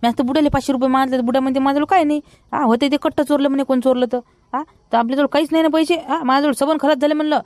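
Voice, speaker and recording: A man's voice: very high-pitched, fairly even intonation, no room sound. A man with a Vidarbha Marathi accent playing a broke village man who scolds everyone in a rustic comedy sketch. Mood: scolding. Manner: scolding, rapid and loud.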